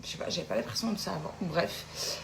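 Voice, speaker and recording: A woman's voice: on the low side, brisk, vocal fry, a bit bright, a little hiss or hum. A woman vlogger chatting casually and loosely to her followers, with a slight lisp that makes her s sounds slushy.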